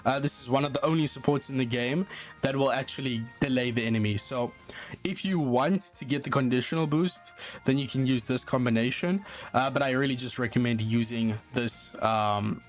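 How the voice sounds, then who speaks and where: A man's voice: mid-range voice, normal speed. A man with a South African accent hosting a gaming channel, casually walking through a team strategy with frequent filler words. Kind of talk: game strategy walkthrough. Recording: voice-over with faint guitar music underneath. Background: faint background music.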